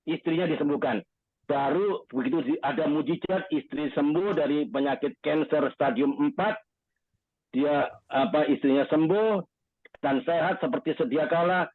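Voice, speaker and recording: A man hosting a testimony session, briskly putting questions to the guest. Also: fairly high pitch, dry recording. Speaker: host. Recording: dry, husky phone line.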